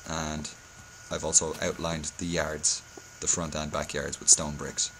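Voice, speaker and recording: A man's voice: rumbling low, flat delivery, a little slow, fairly bright tone, slight background noise. A hungover man giving a casual game-building tutorial, speaking hesitantly and often correcting himself. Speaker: video tutorial host.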